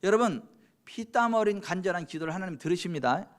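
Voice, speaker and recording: Man, pastor, sermon, high voice, sudden shouts, slow solemn scripture reading. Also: lively intonation.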